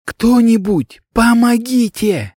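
Brief: male narrator doing a scared young servant girl, high desperate cries, dry audiobook read. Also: big pitch swings, slow, breathy edge, dry recording, full character voice.

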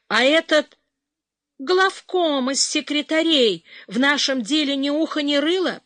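A woman voicing a hot-tempered male lieutenant colonel who shouts in loud indignation, in an audiobook. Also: a little high, dry recording, voice pushed up.

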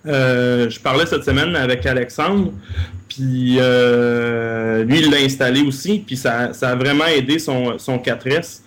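A man's voice: mid-range voice, fairly even intonation, measured pace, a bit bright. Casual Québécois man, mid-range voice. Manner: colloquial, repeats words as he goes. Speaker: podcast co-host. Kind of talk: casual tech chat.

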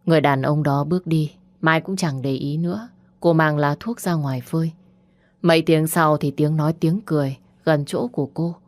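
A woman narrating an audiobook story in calm, measured scripted narration. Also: low-pitched, no echo, studio quality. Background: faint music.

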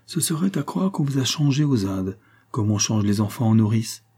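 A man voicing an elderly male steward in an audiobook, slipping from a trembling hush into loud accusation. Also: medium pitch, animated, normal speed, breathy edge. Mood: suspicious. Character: older male steward, faithful then accusing.

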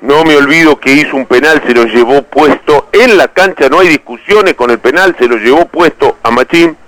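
A man's voice: on the high side, moderate pace, fairly bright tone, dry recording, rough recording. A man with an Argentine accent giving conversational, rambling football player ratings on radio. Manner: conversational, rambling, self-correcting. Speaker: football analyst.

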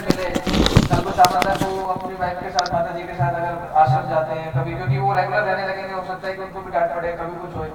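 A man's voice: high-pitched, level tone, fast talker. A man giving an earnest devotional talk, telling stories and mixing in English words. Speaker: devotee speaker. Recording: distant mic, echoey hall, music behind.

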